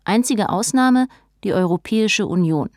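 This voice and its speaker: A woman reading a scripted documentary narration in a measured, informative way. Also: medium pitch, expressive, a little mellow, no echo, clean studio sound.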